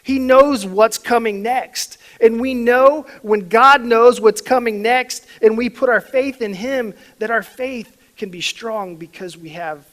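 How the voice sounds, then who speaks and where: Male pastor with a high-pitched voice, preaching with emphatic swings in volume. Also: poor audio. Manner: emphatic, swinging between soft and loud. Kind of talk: sermon.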